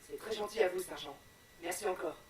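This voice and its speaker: Video game soldier, male actor: high-pitched, deferential, pleading, crowd chatter behind. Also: a little fast, recorded from a distance, close to an everyday voice. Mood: grateful. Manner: earnest, deferential. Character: anxious, pleading young male soldier, respectful and grateful.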